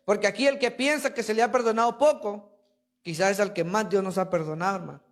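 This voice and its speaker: A man's voice: high-pitched, fairly even intonation, quick pace. A man preaching a sermon in a church with emphatic, rhetorical delivery, addressing listeners as brother.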